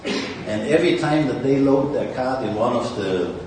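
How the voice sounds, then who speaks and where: A Danish man, a company founder, gives a rambling, boastful speech in a large conference hall, his mid-range voice animated and a little mellow at a normal pace. A distant mic catches the echoey room with faint ambience and a little hiss or hum.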